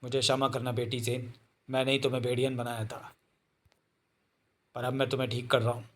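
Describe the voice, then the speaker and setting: A man's voice: mid-range voice, flat delivery, lightly acted. A man voicing a solemn, regretful old male mystic guru. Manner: solemn, measured.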